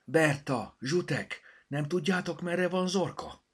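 A man voicing a lively, helpful young girl in a children's storybook, speaking eagerly in a high, husky voice. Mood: urgent.

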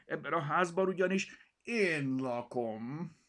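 Bossy house cat, a man putting it on: huffy, raised and bright, swinging widely in pitch, gravelly edge. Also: expressive. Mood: haughty, possessive. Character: proud, possessive house cat, grumbly.

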